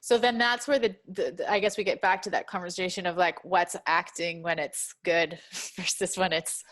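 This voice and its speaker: Lower-voiced woman searching for words. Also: steady tone, normal speed, a bit bright. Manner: searching for words, laughs easily. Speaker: host, actor. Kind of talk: casual conversation.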